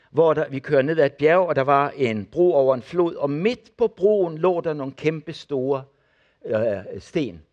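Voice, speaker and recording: An older man giving a sermon, his voice sitting a little high for a man. He tells testimony stories with energy and acts out what each person in them says. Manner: animated storyteller acting out the people in his stories. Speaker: preacher and former missionary.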